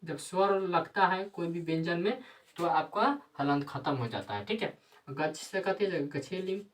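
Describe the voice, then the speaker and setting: Low-pitched woman teacher, recorded distant from the mic, answering her own repeated questions. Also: expressive, normal speed. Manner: repeats rhetorical questions and answers them herself; frequent tag questions. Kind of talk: grammar lesson.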